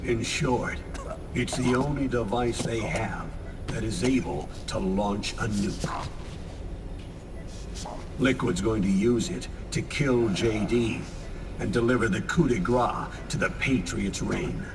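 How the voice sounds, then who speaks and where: A man's voice: lowish voice, takes it slowly, big-room sound, far from the mic, background noise. A man playing an older military commander who gives a grave, commanding mission briefing in a video game. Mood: grave, explanatory.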